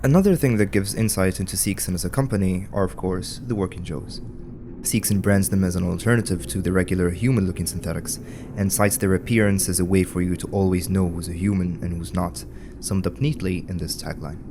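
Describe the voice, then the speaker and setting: Low-voiced man narrating wryly. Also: fairly even intonation, fairly quick, noisy background. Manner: wry, conversational commentary. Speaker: video essay narrator. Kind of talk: scripted narration.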